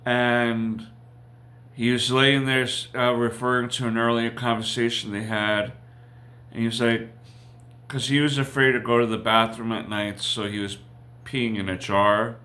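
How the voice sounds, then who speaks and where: Slow, bright-voiced man recapping a show. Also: medium pitch, level tone. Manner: rambling, slow, with frequent fillers and self-corrections. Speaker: TV review host. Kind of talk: casual spoiler recap.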